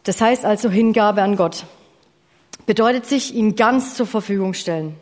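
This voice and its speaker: A woman's voice: medium pitch, moderate pace, a little mellow. A woman delivering a sermon, earnest and direct, asking her listeners questions and now and then correcting herself. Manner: self-correcting, apologizes for slips. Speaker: preacher. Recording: long hall reverb.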